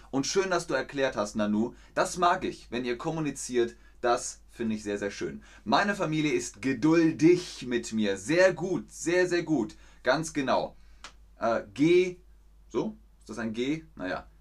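A man teaching a live online language lesson, answering chat questions patiently and repeating example sentences clearly. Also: mid-range voice. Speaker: German language teacher streaming.

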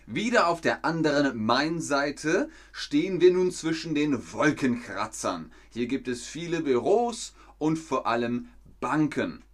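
A man giving a live-streamed German lesson, reading chat comments, quizzing viewers and slowly repeating and rephrasing sentences for learners, with playful joking asides. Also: on the high side, sing-song. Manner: asks viewers questions and reads out chat comments. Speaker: German teacher.

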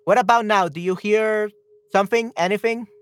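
A man with a high voice and fairly even intonation hosts a livestream, talking casually and hesitantly at normal speed while he troubleshoots his audio. He thinks aloud as he goes, sitting close to the microphone in a dry recording.

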